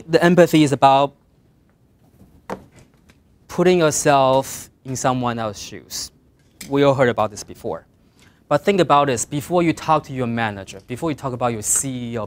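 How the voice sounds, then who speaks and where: This guest speaker is a middle-aged man with a mid-range voice and a Mandarin Chinese accent, speaking English as a second language. Advising design students on careers, he is earnest and plain, rising on the key points and trailing quietly at the close of each phrase.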